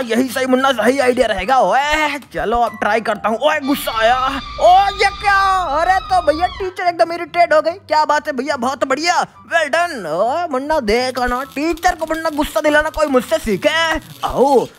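A man playing a game and chatting as two cartoon characters, excitable, with bursts of loud exclamations. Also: extremely high pitch. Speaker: gaming YouTuber.

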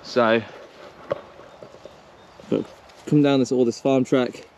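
Slow and a little mellow, a young hiking-guide vlogger with a steady, mid-range voice chats on an open hillside, action camera held at arm's length. He gives directions and throws in some jokes; a little hiss or hum is audible.

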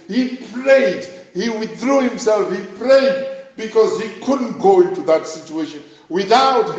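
A man preaching a sermon as a pastor, slow and emphatic, repeating his points. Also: sits high, darkish tone. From South Africa. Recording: echoey, dull lo-fi sound.

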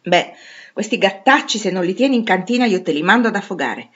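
A petulant, grumbling older girl who longs for finer things, as a woman reading aloud puts her on. Her voice is raised above the reader's own and slightly husky. The recording is dull and lo-fi. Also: medium pitch, normal speed, natural voice. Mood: irritated. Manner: complaining, petulant. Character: sulky elder teenage sister, longing for luxury.

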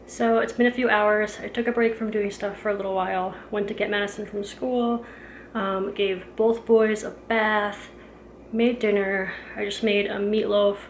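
In the kitchen of her house, a vlogger in her thirties rambles casually with plenty of fillers while cleaning and cooking, her handheld camera held at arm's length. Her medium-pitched voice stays level at a moderate pace, and the poor audio is roomy with slight background noise.

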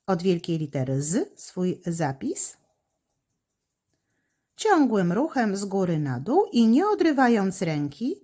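Patient woman teaching handwriting, lively pitch. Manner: slow, patient, step-by-step explaining. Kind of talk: handwriting lesson for children.

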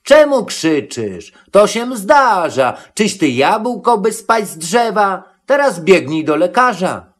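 Man voicing a hedgehog, dry, lecturing, slow, storybook. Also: sits high, sing-song, pitched above the performer's own voice, full character voice. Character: matter-of-fact male hedgehog.

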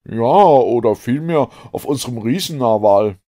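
A man voicing a bold, blunt Canadian harpooner in an audiobook, speaking loudly and emphatically. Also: mid-range voice, animated, measured pace, voice pushed up, lightly acted. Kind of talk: audiobook character voice.

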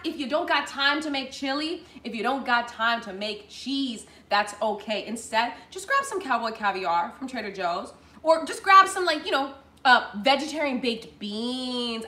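This bubbly, chatty cooking show host calls her viewers "y'all" during a casual live demo in her home kitchen. Her fairly high voice has a bright, forceful tone, and the fixed camera at counter distance catches the kitchen's echo.

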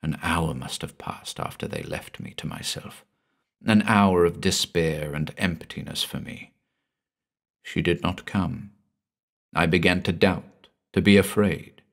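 A man with a very low, gravelly voice tells a horror story in the first person. His reading is slow and measured, with a brooding weight to every line. Low voice with a rough grain throughout. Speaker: audiobook narrator. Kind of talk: scripted horror story narration.

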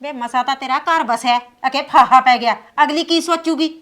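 A woman's voice: high voice, moderate pace, a bit bright. An actress playing a stern but caring village mother who soothes her daughter-in-law and scolds her drinking son. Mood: scolding. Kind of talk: village family drama acting.

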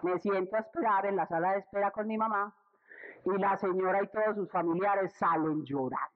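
A woman's voice: mid-range voice, brisk, phone-quality sound. A woman with a Colombian accent giving a testimonial talk at a church retreat, telling her story and acting out her own thoughts and what others said.

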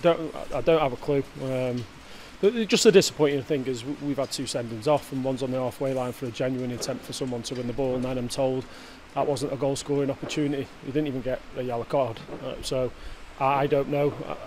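A man's voice: mid-range voice, steady tone, a little fast, few pauses, darkish tone, a little hiss or hum. A man, a football manager giving a post-match interview in a hesitant way, full of fillers and restarts, recorded close up indoors. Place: indoor press area before a sponsor board.

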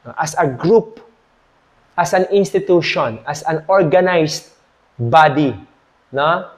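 A man's voice: on the high side, animated, slow pace. A man in his thirties with a Filipino accent, giving a church history lesson into a handheld mic in a small meeting room, mixing Tagalog and English and checking in with "okay?" again and again. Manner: mixes Tagalog and English, asks "okay?" often. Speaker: church teacher. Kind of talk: sermon-style Bible lesson.

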